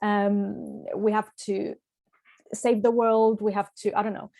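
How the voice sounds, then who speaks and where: A woman in her early forties leads a live workshop over a video call, with a relaxed, mellow voice that sits at a middling pitch. She talks in a reflective, searching way, often restarting and repeating words as she gathers her thoughts. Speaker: workshop host and spiritual coach. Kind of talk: live online workshop talk.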